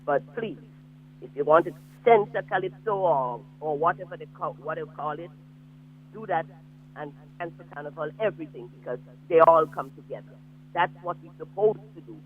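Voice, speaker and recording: Insistent male radio caller heard through a tinny phone line, slightly raised pitch. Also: animated, moderate pace. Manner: emphatic and insistent. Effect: speaking over a phone line. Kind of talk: call-in opinion.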